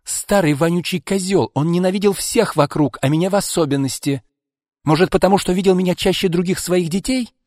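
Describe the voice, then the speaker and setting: A shrill, bitter woman hurls accusations in a high, strained voice that leaps and falls, as a man reading a story puts her on. She scolds without letup, spiteful and aggrieved, in a dry, close recording. The reading has the feel of a spoken storybook. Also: huge pitch swings, unhurried, no room sound, long reverb tail. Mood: resentful.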